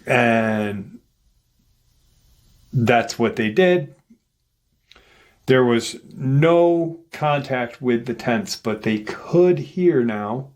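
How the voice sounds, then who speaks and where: A man's voice: mid-range voice, expressive, drawn-out words, pauses often, a little mellow. A man retelling a paranormal encounter account in unscripted speech, with frequent fillers and restarts. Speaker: paranormal story narrator.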